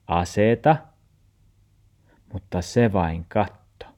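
A man with a Meänkieli accent reading a children's audiobook aloud in a calm, measured storytelling manner. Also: deep voice. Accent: Meänkieli (Tornedalen). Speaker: audiobook narrator.

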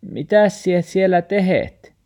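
A man reading a storybook, playing a kind, reassuring grandfather who coaxes gently in dialect. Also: high voice, pitched above the performer's own voice. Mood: coaxing. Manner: warm coaxing dialect speech.

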